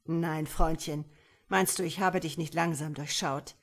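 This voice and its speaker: A woman voicing a sneering, scheming male soldier with a slow, mocking drawl. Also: low-pitched, fairly even intonation.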